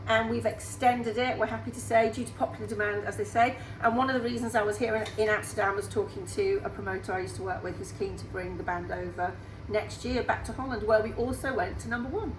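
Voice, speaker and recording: A singer in her sixties, interviewed on the radio, talks fairly quickly in a high, fairly bright voice with fairly even intonation. She's chatty and upbeat and laughs easily. The recording sounds roomy, with a faint background hum.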